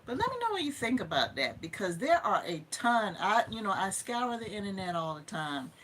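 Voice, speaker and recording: Southern woman in her fifties, live-stream host; bright, forceful, opinionated delivery that hammers points home. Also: medium pitch, very animated, a little fast. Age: 50s. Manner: emphatic, opinionated, repeats herself for stress. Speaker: livestream host. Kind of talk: casual livestream talk.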